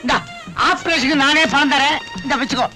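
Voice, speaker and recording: Brief: a foolish comic moneylender, very high shrill voice, film music behind. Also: male voice, a little fast. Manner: scolding then credulous, comic.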